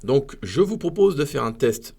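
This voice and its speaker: A man presenting a software demonstration to viewers, talking hesitantly with many fillers and self-corrections. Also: medium pitch, sing-song, moderate pace, gravelly, husky. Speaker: tech video host. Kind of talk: screen-recorded software demo.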